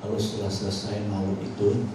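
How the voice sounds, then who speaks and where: A man's voice: lowish voice, flat delivery, a little fast. A man from Indonesia giving a personal testimony in church, telling his story in a conversational way and dropping in English phrases. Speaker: lay speaker giving a testimony. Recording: very echoey church from a distant mic, with background noise.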